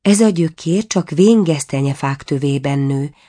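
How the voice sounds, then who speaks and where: A woman voicing a wise, kindly female goose who calmly reassures in a storybook reading. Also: low voice. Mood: reassuring. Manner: calm, reassuring.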